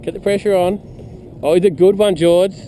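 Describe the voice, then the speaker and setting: A man coaching a young child through landing a fish outdoors, encouraging, repeating instructions and whooping with excitement. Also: high-pitched, moderate pace. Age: adult. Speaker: uncle coaching a child fishing. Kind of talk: excited on-the-water fishing coaching. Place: outdoors on the water, fishing boat. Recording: loud wind and water noise outdoors.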